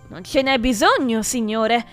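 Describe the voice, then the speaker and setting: A loud, tattling schoolboy from a children's book as a woman reading aloud puts him on, shouting eagerly to get a classmate in trouble. The voice sits high, with faint music underneath. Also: lively intonation, unhurried.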